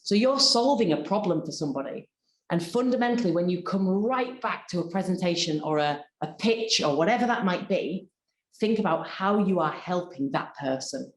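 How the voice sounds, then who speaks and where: A woman speaks as a personal development coach leading a workshop, with a slightly low voice. She talks in an expressive, deliberate coaching manner. Her voice carries a roomy echo. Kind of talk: workshop presentation.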